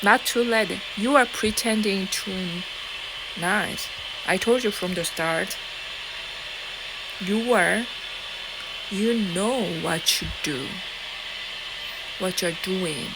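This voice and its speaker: A woman with a Korean accent addresses her audience slowly in a mid-range voice, leaving long pauses. She rambles defiantly, swears, and keeps restarting amid fillers, against loud, constant background noise.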